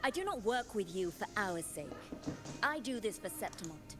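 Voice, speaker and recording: A woman's voice: mid-range voice, sing-song, moderate pace, natural voice. An actress playing a haughty, fierce noblewoman warrior in a video game, speaking in an imperious, dramatic manner. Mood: haughty, disdainful. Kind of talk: scripted video game dialogue. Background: game music.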